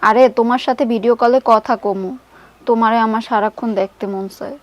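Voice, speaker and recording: An actress playing a young wife who coaxes and insists. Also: female voice, on the high side, steady tone, a little fast, dry recording, natural voice. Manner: wheedling then insistent. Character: coaxing young wife, demanding.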